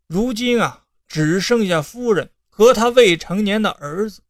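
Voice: mid-range voice, lively intonation, a little slow, dry recording, natural voice. Old con-man secretary, pleading and persuasive, put on by the storyteller, dry close mic. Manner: persuasive, tearful, sudden outbursts. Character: scheming old male county secretary, wheedling.

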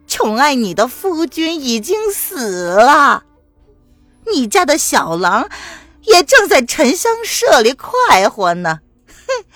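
A woman voicing a cruel, scheming older martial-arts nun who taunts slowly and with contempt. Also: mid-range voice, no echo, pitched above the performer's own voice, full character voice. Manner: slow, mocking, sneering.

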